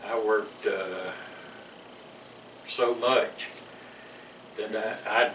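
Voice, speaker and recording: Extremely slow, with a lowish, slightly bright voice and fairly even intonation, an older Southern American man tells an interviewer about his time in service. His recollections ramble in a folksy way, punctuated by chuckles; the recording is echoey, the mic far away, and background noise clear.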